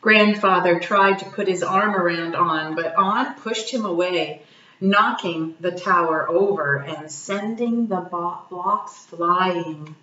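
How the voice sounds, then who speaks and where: Brief: woman storyteller for children, slow and bright, recorded far off in an echoey room. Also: on the low side, lo-fi sound. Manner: gentle, asks children questions. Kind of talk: children's read-aloud.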